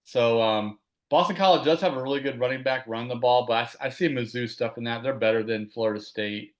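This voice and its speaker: A man's voice: medium pitch, brisk. A man hosting a casual sports talk show, easygoing as he moves the talk from topic to topic. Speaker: host.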